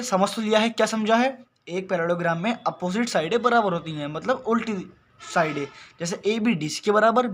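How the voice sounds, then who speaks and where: A man's voice: high voice, fairly bright tone. A man teaching a math lesson to school students, patiently repeating questions and explaining step by step, with English terms spoken in a Hindi accent. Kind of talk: classroom lesson.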